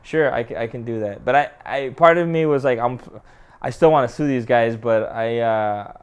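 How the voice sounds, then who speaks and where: Smooth-voiced young man telling a story. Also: mid-range voice, normal speed. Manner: slangy, swears freely, many restarts. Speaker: guest. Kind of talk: casual storytelling.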